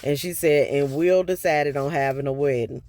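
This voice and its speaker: A man's voice: on the high side, moderate pace, a little mellow. A man casually retelling a book chapter for his viewers, in a loose, chatty way with asides to the audience. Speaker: book review vlogger.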